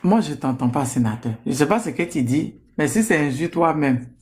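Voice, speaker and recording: A woman hosting a live stream on her phone, explaining the news in a brisk, plain way to a guest on the call. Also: low voice, expressive, darkish tone. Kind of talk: casual live-stream chat.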